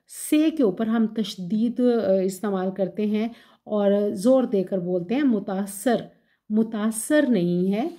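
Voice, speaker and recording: A woman teaches pronunciation at an unhurried, deliberate pace. Her voice is warm and mellow, and she corrects one word after another with calm care. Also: mid-range voice. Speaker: language teacher. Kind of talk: pronunciation lesson.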